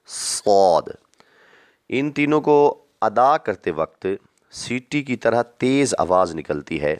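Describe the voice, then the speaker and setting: A man teaching Quran reading, calling out each letter long and loud, then explaining it softly. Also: sits low, no room sound, clean studio sound. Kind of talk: recitation lesson.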